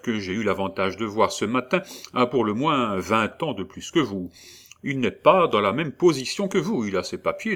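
A man's voice: on the low side, fairly bright tone. A man voicing a pompous, fussy middle-aged notary who speaks sententiously and hesitates with many "euh"s.

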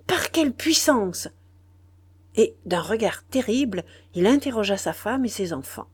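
A woman narrating a classic novel as an audiobook, in a measured, unhurried storytelling manner. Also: on the low side, a little mellow, husky, no room sound.

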